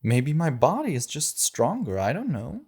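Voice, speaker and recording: Guy doing a creepy sick girl voice, high and girly, odd far-off tone. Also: huge pitch swings, normal speed, darkish tone, breathy edge, heavily acted. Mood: guarded. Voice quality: girlish, high. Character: pale sickly girl, eerily eager, hiding menace.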